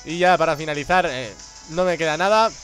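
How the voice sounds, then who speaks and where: A man giving casual, joking commentary on a game, excitable and prone to sudden shouts. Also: fairly high pitch, brisk, faint music behind. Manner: excitable, joking, bursts into shouts and silly voices. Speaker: gameplay commentator.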